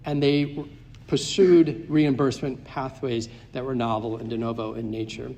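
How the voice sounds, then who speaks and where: A man's voice: mid-range voice, fairly even intonation, moderate pace, warm tone. A man giving a structured conference presentation as a consultant, stressing key points and walking through numbered questions. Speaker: market access consultant. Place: conference hall. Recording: live talk in a hall.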